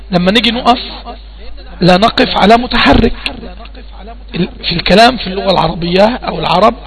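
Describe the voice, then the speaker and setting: A man's voice: high voice, fairly bright tone. A man with an Egyptian accent teaching Quran recitation rules in an online class, quizzing his student and repeating questions to prompt answers. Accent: Egyptian Arabic.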